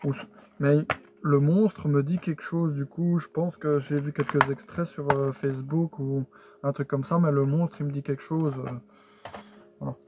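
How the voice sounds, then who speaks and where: Man with a flat tinny voice. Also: on the high side, moderate pace, noisy background. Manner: hesitant, many fillers and restarts. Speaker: vlogger showing his purchases. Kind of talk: casual haul video. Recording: tinny lo-fi sound with faint music.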